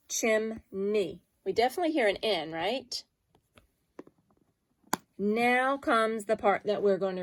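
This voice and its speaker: A woman teaches phonics to young children. She talks patiently and sounds out each letter and syllable slowly. Her voice sits at an ordinary pitch and is recorded close and dry, with no room echo.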